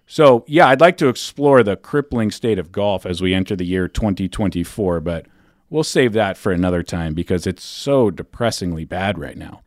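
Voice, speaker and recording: Low-voiced wry male podcast host. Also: moderate pace, dry recording, clean studio sound. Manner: wry, deadpan, exaggerated. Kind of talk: scripted monologue.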